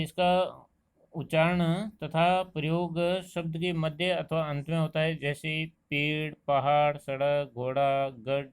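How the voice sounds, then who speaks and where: Man, Rajasthani accent, teacher, slow measured lesson, smooth clear voice, stretched-out examples. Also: a little high. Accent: Rajasthani Hindi. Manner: slow, deliberate explanation, stretching out example words. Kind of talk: classroom lesson.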